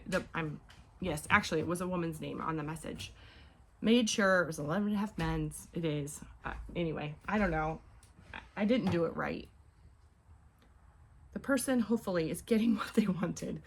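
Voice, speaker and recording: Chatty rambling woman, noisy recording. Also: lowish voice. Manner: rambling and chatty, often trails off. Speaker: online clothing reseller. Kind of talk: casual vlog chat while packing orders.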